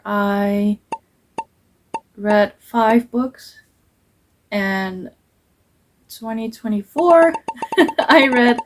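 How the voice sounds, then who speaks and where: In this laid-back book review vlog, a young woman whose native language is Dutch shares her picks earnestly, hesitating and saying um often. Her voice is a little high with a darkish tone, and there's slight hiss or hum.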